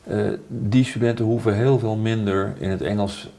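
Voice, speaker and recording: A man interviewing in an oral history, who asks halting questions and agrees often. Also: fairly low pitch, steady tone, dark tone, slight background noise.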